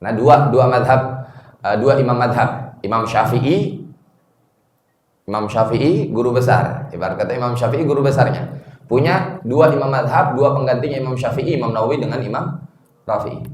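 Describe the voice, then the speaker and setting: A male Islamic teacher giving a study lecture to a congregation, telling stories in a lively, slangy way, chuckling and chanting Arabic quotations slowly. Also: medium pitch. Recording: echoey room.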